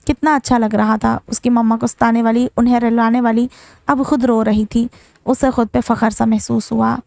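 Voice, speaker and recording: Woman narrating a novel, higher voice. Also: flat delivery, moderate pace, gravelly, a little mellow, no echo, studio quality. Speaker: novel reader. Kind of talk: audiobook narration.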